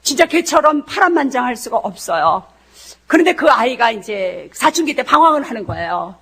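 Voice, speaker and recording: A woman missionary preaching a fervent testimony sermon, blunt and earthy, often shouting and laughing as she asks the crowd rhetorical questions. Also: a little high, very animated, normal speed, slightly rough. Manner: impassioned, often shouting and laughing mid-sentence; blunt, earthy, uses crude slang.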